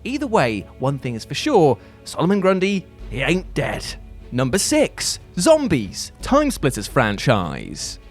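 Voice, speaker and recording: A man's voice: fairly high pitch, wildly swooping pitch, unhurried, faint music behind. A man hosting a scripted video game countdown in a playful, jokey, theatrical manner. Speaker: host.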